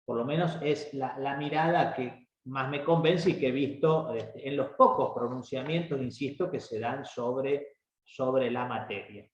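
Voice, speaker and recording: Man, Argentine accent, webinar moderator, measured and halting, dull video-call sound. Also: medium pitch. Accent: Argentine Spanish. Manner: measured, explanatory, hesitant restarts. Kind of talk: legal webinar discussion. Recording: echoey, muffled video-call audio.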